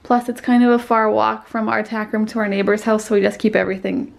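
A woman's voice: mid-range voice, level tone, fast talker, gravelly, dry recording. A woman giving a chatty, explanatory barn tour on a handheld camera, laughing often as she walks through a horse barn and paddock. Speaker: vlogger. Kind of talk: casual barn tour narration.

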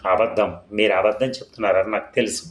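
A man voicing an anxious young wife who pleads with her husband, in a low, echoing reading voice. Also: fairly even intonation, fast talker, natural voice. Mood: pleading. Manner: worried, pleading. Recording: echoey room.

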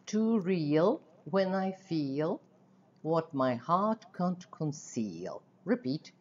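A lively woman with a low voice teaches English through a song, drilling the lyric lines slowly before explaining them in Portuguese. The recording is dull and lo-fi, with slight background noise.

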